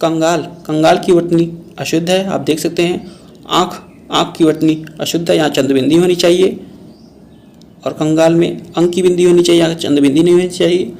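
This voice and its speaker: A man's voice: fairly high pitch, fairly even intonation, normal speed, gravelly, a little mellow, slight background noise. A man teaching Hindi spelling for an exam, going through each option word by word and repeatedly calling his viewers friends. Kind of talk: exam-prep spelling lesson.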